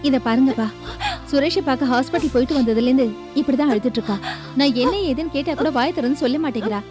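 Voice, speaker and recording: A woman's voice: high-pitched, quick pace, music in the background, lightly acted. An actress playing an indignant mother complaining about a relative, in a TV serial. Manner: indignant and scolding. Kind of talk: TV serial acting.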